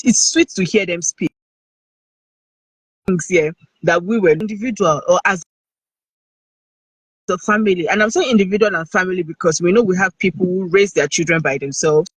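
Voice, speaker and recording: A Nigerian man talks earnestly over a video call, his voice pitched fairly high for a man and a little husky. The sound is dry and close, with no room echo, and he keeps checking in with his listener as he talks. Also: normal speed, pauses often, a bit bright. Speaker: guest speaker. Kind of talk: casual live-stream talk.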